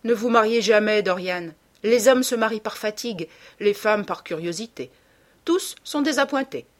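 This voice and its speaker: A woman reading an audiobook and voicing a witty, cynical aristocratic gentleman who speaks in dry aphorisms. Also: mid-range voice, animated, normal speed, close to an everyday voice. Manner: languid, dryly witty, aphoristic.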